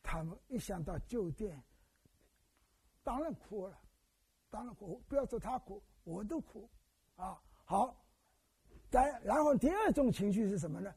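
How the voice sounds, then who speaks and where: A man's voice: high-pitched, unhurried, long pauses, breathy edge. An elderly man from Wenzhou preaching a sermon, telling stories and quizzing his listeners with questions. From Wenzhou, China. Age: older. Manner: animated storytelling, quizzes the congregation with questions. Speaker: pastor.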